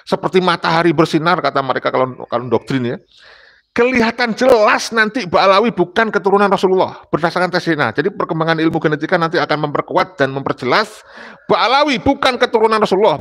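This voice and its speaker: A man's voice: high-pitched, a bit bright. A man from Indonesia speaking emphatically in a panel discussion, lecturing and repeating his points. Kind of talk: discussion talk.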